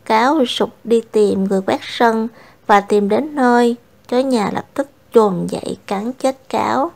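A woman reads children's fables aloud, her slightly high voice carrying a gravelly edge. She tells the stories plainly, giving the animals only a light touch of character. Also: measured pace, darkish tone. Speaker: storyteller.

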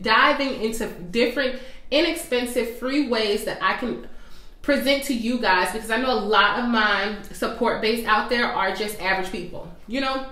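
Young woman, business vlogger, friendly and chatty, slightly high voice, roomy echo. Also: sharp tone. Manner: chatty, friendly, direct address with fillers. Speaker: small business owner and coach. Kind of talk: casual vlog talk to viewers.

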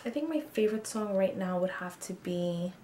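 Her mid-range voice is expressive and mellow at a normal pace as this woman in her twenties, aged twenty-two, introduces herself to camera with plenty of ums and likes. The beauty vlogger records in a small bedroom with echo and a little hiss or hum.

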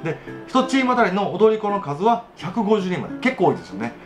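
A man's voice: sits high, huge pitch swings, fast, over music. A man with a Kochi Tosa accent hosting a casual solo radio talk, chatty and self-mocking as he demonstrates dialect phrases. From Kochi, Japan. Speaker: radio show host, voice actor.

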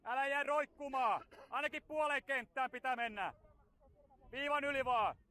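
A man coaching a youth football team from the sideline outdoors, loudly calling encouragement and instructions to his players. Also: very high-pitched. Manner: loud, rapid encouragement and instructions.

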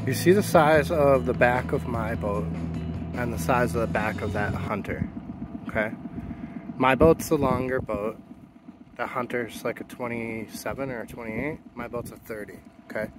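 A middle-aged man, off-grid homesteader and sailor, explains his work in casual vlog narration while filming himself outdoors in woods and at a marina, plainspoken and thinking aloud. He has a medium-pitched voice at normal speed, heard on a low-quality recording over background music.

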